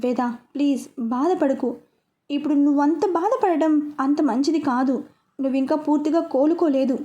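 Storybook young husband, firm and pleading, high soft mellow voice, a woman reading him. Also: normal speed, highs cut off, natural voice. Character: young man, stubborn but caring husband.

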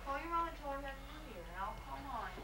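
A woman's voice: high voice, expressive, racing, bright, forceful tone. A woman talking with wry sarcasm in casual family chat on a home camcorder.

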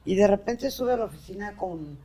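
A woman's voice: medium pitch, expressive, fairly quick, warm tone. Host: friendly, teasing Mexican woman, short, prodding questions. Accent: Mexican Spanish. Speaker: interview show host. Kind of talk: casual interview chat.

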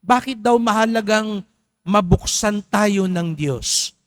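A Filipino priest giving a sermon in a large church, asking his congregation questions and having them repeat phrases, rising loud on key points and dropping low and soft for emphasis. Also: takes it slowly. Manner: engages congregation with questions and call-and-response. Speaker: parish priest.

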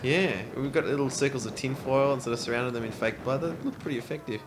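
A man chatting casually as co-commentator, relaxed and laughing. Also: medium pitch, fast talker, a little hiss or hum.

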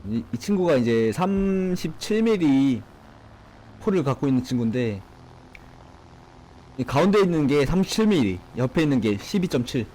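A young man giving excitable, swearing commentary on his gameplay from a small room at home, tipsy from drinking. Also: fairly high pitch, moderate pace, long pauses, rough recording. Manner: excitable, swearing, shouting at enemies. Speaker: gaming streamer.

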